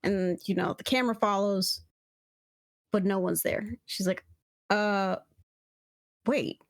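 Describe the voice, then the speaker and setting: A woman's voice: mid-range voice, steady tone, moderate pace, dry recording. A woman running a tabletop game as game master, narrating in a casual, laughing way. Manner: casual, laughing narration with quoted character voices.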